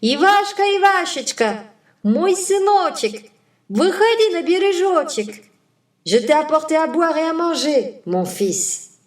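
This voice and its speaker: A woman doing a father's high sing-song call. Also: big pitch swings, drawn-out words, dark tone, full character voice. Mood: tender. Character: loving fisherman father calling his son. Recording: roomy, distant mic.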